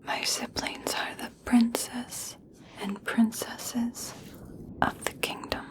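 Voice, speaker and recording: A gentle elf princess, played by a woman whispers softly and very slowly. The voice is fairly high, breathy and hushed, soothing and reassuring in the manner of an ASMR fantasy roleplay. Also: level tone, rough recording. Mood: soothing, caring. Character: kind, reassuring young elf princess of a royal family. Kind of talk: ASMR personal attention roleplay.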